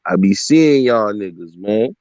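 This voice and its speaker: Low-voiced Brooklyn man, teasing street slang. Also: lively intonation, unhurried, a little mellow, no echo, muffled recording. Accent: Brooklyn, New York. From Brooklyn, New York, USA. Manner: repetitive, teasing, interjecting. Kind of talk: casual live-stream banter with heavy street slang.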